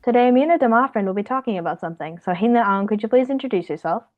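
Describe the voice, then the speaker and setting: A woman's voice: fairly high pitch, lively intonation, rapid-fire. A young woman reading out a prepared talk as a student presenter in a class. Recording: dull lo-fi sound.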